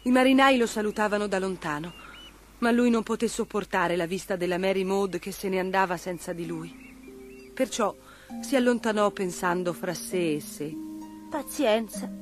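A woman narrating a children's fairy tale in an expressive, varied scripted reading. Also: mid-range voice, moderate pace, soft background music. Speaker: storyteller.

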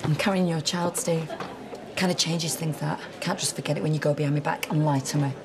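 An aggrieved young wife. Her voice is fairly low, naturalistic and scheming, as in a TV soap. Pub chatter is clear behind her. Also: steady tone, fairly quick. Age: young adult.

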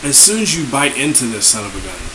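An excited man reviewing a snack, exclaiming while talking with his mouth full. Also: medium pitch, fast talker, noisy background. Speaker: food reviewer. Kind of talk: casual taste-test vlog.

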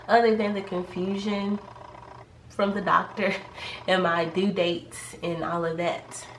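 Woman vlogger, casual and rambly, a bit stuffy-nosed, lowish voice, faint hiss behind. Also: a bit bright. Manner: chatty and rambling, many fillers. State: a little congested from a cold. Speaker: pregnancy vlogger. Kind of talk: casual vlog talk to camera. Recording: echoey room, faint background noise.

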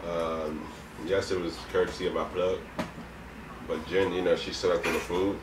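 A man's voice: sits low, little pitch movement, normal speed. A young man chatting casually as co-host of a mukbang eating vlog, recorded indoors by a camera a few feet away. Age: young adult. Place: indoor room, at a table. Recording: echoey room, distant mic, clear noise.

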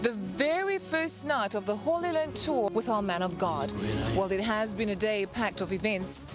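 A woman's voice: mid-range voice, moderate pace. A woman TV reporter with a polished, upbeat presenter delivery on a handheld mic. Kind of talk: broadcast reporting. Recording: music under the report. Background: music.

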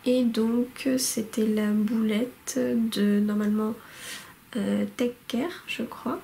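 A woman's voice: a little high, flat delivery, slow pace, gravelly, dark tone, a little hiss or hum, low-quality recording. A woman showing her newest yarns in a casual vlog, chatty and hesitant, full of fillers and restarts, at home by a window. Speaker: knitting vlogger showing yarn purchases. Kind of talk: casual show-and-tell vlog. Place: home room lit by a window.

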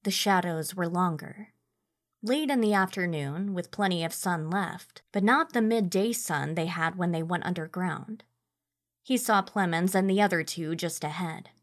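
A woman reading a scripted horror story as narrator, in a measured, dramatic way. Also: on the low side. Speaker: narrator and producer.

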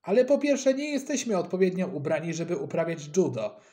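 Give me a cocky, dismissive schoolboy, read by a man in a mellow, animated storybook voice. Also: high-pitched, a little fast, voice pushed up. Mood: irritated. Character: boastful schoolboy, proud of his judo.

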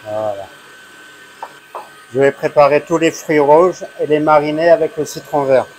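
A man's voice: fairly high pitch, unhurried, darkish tone, a little hiss or hum. A middle-aged man, a hotel chef giving a plain, step-by-step cooking demonstration on a lapel mic while he works. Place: hotel kitchen, indoors.

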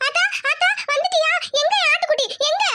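A woman voicing a small, stubborn village girl who cries for her lost lamb, in a high whiny child voice. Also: steady tone, fast talker. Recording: loud background noise.

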